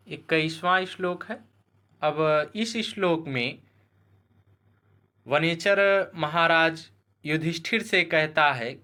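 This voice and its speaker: A man teaching Sanskrit, slowly glossing a classical verse word by word. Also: fairly high pitch. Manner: slow, measured word-by-word glossing; chants verse slowly and louder. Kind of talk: explaining a classical verse line by line.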